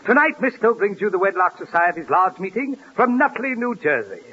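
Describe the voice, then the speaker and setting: A hammy pitchman on an old 1940s radio broadcast. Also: big pitch swings, fairly quick, sharp tone, dull audio, full character voice. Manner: booming sales-pitch delivery. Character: brash male radio pitchman announcer, hammy. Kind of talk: 1940s radio comedy sketch.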